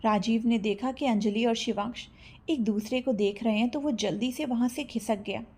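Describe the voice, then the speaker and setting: A woman narrates an audio drama in a steady storytelling manner. Her voice is pitched somewhat high but sounds dark and husky. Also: normal speed.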